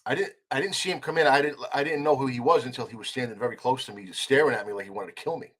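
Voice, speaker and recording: A man's voice: mid-range voice, slightly rough. A man as a podcast guest, telling a heated story in a casual conversation, with some swearing. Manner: fast, animated, swearing, retelling a confrontation.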